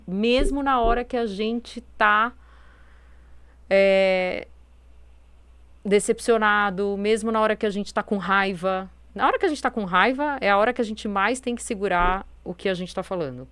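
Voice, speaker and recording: A woman's voice: medium pitch, a bit bright, clean tone, dry recording. A woman hosting a self-help video, talking casually with many fillers and a naturally firm tone. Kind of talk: casual advice monologue.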